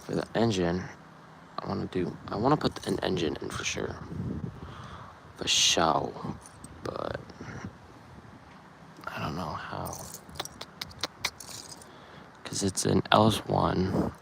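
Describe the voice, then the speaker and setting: Young guy streaming, deep and kinda croaky, just thinking out loud, noisy background. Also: slow pace, long pauses. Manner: thinks aloud, musing and asking chat for opinions. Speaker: live streamer. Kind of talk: casual live-stream talk while building in a game. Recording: steady noise behind the voice.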